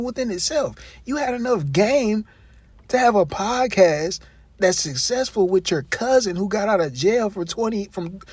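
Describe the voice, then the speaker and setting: A man's voice: sits high, no room sound. A man giving casual commentary on his channel, talking straight at the person he criticizes and calling him bro in a rambling, exasperated way. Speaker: vlogger commentator.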